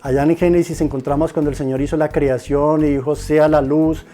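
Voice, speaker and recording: Preacher guy telling a story, earnest, keeps restarting, warm mellow voice a bit high, soft music behind. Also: fairly even intonation, fast talker. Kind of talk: storytelling reflection.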